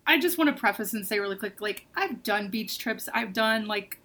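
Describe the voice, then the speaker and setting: A woman nearing thirty talks openly in a casual book discussion. She is frank and intense, and her speech is full of "like" fillers. Her voice sits at an everyday middle pitch. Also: animated, moderate pace, fairly bright tone. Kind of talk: casual book-club chat.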